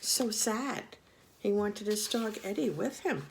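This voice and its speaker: A woman's voice: medium pitch, slow pace, vocal fry, slight background noise, low-quality recording. A woman reading a picture book aloud to young children, adding chatty asides to the children. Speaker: storybook reader.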